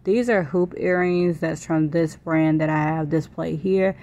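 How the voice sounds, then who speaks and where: A woman's voice: low-pitched, steady tone, a little slow, warm tone. A young woman vlogger giving a casual product review and try-on. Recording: noisy home phone recording.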